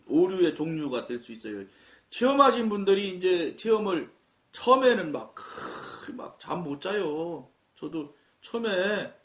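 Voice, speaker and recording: A man from Chungcheong with a Chungcheong accent, preaching a sermon, telling his story and acting out the dialogue. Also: a little high. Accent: Chungcheong Korean. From Chungcheong, Korea. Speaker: pastor. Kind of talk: sermon talk. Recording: echoey room, mic at a distance.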